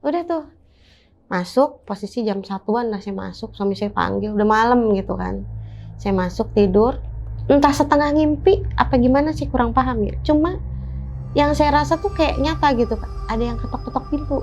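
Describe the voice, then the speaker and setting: A woman's voice: fairly high pitch, moderate pace, darkish tone, slight background noise. A woman telling her own ghost story in casual, chatty speech, often addressing the listener directly. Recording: dull lo-fi recording.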